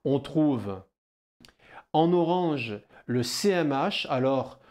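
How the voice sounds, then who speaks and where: A man with a southwestern French accent teaching biology in a lively video lesson, talking straight to the viewer and answering his own questions. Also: medium pitch, drawn-out words. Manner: animated, addresses the viewer as "kid", rhetorical questions.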